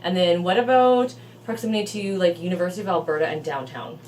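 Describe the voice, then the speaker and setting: A woman hosts a relaxed interview, talking in a chatty way and asking follow-ups. Her voice sits a little low. She is set back from the microphone, and a faint hiss runs underneath. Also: fast, far from the mic, rough recording. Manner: chatty, asks follow-up questions. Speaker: real estate video host. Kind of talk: casual interview.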